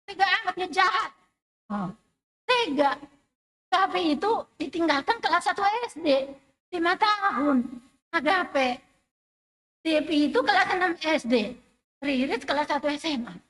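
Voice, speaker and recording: High-voiced woman testifying in church. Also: animated, measured pace, long pauses, rough recording. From Indonesia. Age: middle-aged. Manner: emotional, emphatic, rising and falling loudness. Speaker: church member giving testimony. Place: church sanctuary.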